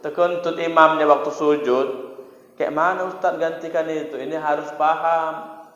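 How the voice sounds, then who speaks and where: A man's voice: a little high, normal speed, highs cut off. A male preacher giving a humorous sermon, acting out dialogues and chanting verses. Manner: lively, acts out dialogue, chants Quran verses. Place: mosque hall. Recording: echoey hall.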